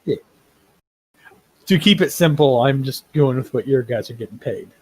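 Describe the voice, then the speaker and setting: A man's voice: medium pitch, normal speed, no echo. A man running a tabletop game as game master, rambling through tangents and repeating words as he builds his point.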